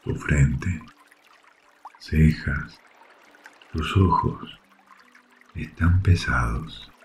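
A man with a very low voice and a Rioplatense Spanish accent guides a yoga nidra session for sleep. He speaks slowly and softly, leaving long, soothing pauses. Water trickles faintly behind him. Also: a little hiss or hum. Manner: soft, soothing, hushed delivery with long pauses. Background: trickling water sounds.

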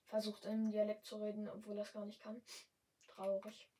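A young woman speaking standard German, chatting casually and excitably while commentating her gameplay. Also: medium pitch, moderate pace, distant mic, poor audio. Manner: chatty, excitable, yelps and exclaims often. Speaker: gamer streamer.

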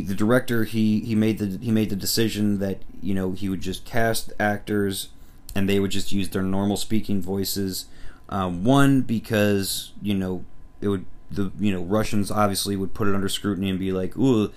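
A man's voice: lowish voice, a little mellow. Rambling, enthusiastic male film reviewer. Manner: rambling, many fillers and restarts. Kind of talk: casual spoken film review.

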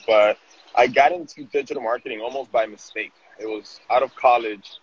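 A man's voice: mid-range voice, moderate pace. A man from Venezuela, a marketing director, talking casually in an interview and often restarting his words. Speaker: guest, digital marketing director. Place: outdoors on a city street. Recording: dull audio with faint noise.

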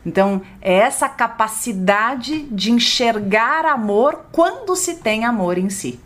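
Casting: woman psychologist, podcast co-host, gentle explanatory delivery. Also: unhurried. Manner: gentle, explanatory, lively pitch when voicing a parent to a child.

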